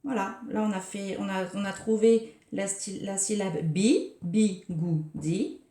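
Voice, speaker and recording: A woman preschool teacher giving a recorded lesson for young children, speaking slowly and articulating each syllable with care. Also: mid-range voice, little pitch movement, warm tone. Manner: slow, carefully articulated, scanning syllables. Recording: roomy echo.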